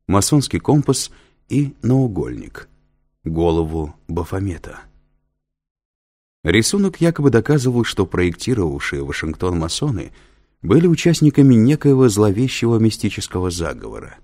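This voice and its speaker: A man narrating an audiobook in an expressive storytelling manner. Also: low-pitched, normal speed.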